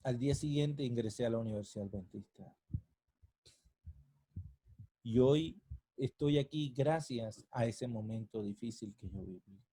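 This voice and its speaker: Emotional preacher, dark dry voice. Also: male voice, medium pitch, unhurried, long pauses, husky, dry recording, low-quality recording. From Colombia. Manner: emotional, rising to near-shouting at climaxes then dropping soft. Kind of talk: sermon with personal testimony.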